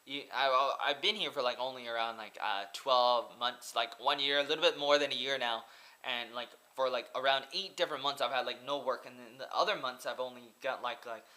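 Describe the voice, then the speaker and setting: An American man in his 20s from Oregon, a vlogger and English teacher, talks casually and sincerely straight to camera from a small room, his laptop webcam close by. The voice is medium-pitched, steady, bright and forceful at a fairly quick clip, full of "like" and repetition as he rambles.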